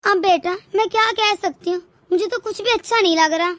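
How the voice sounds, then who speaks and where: A woman's voice: extremely high pitch, a little fast, a bit bright, no echo. A woman voicing a stern, lecturing middle-aged mother-in-law in a cartoon. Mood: coaxing. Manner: lecturing, scolding. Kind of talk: cartoon voice acting.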